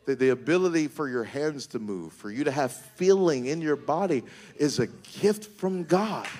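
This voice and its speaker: Male pastor, husky and a bit high, sermon that swings from hushed to shouting. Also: lively intonation, moderate pace. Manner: builds from quiet talk to shouted, sing-song preaching calls.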